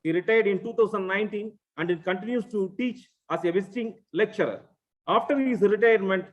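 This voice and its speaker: A man formally reads out an introduction of a guest speaker at an online conference. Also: sits high. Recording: dull, lo-fi call audio.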